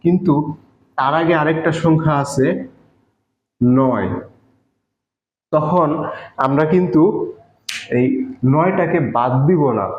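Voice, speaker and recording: Patient Bangladeshi man teaching math. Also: on the high side. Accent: Bangladeshi Bengali. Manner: patient, explains slowly with fillers. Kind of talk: step-by-step classroom lesson. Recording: echoey room, dull lo-fi sound.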